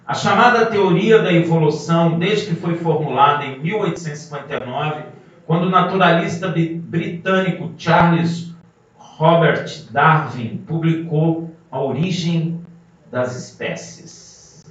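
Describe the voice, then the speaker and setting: Man, preaching, emphatic, rhetorical questions, slightly high voice, booming echo, distant muffled mic. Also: unhurried, a bit bright. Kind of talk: sermon. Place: congregation hall. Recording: muffled, very echoey hall from a distance.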